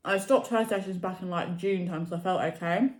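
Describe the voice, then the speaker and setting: A woman's voice: lowish voice, steady tone, a little fast. A young adult woman chatting casually to camera as a vlogger, rambling with many fillers. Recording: echoey room.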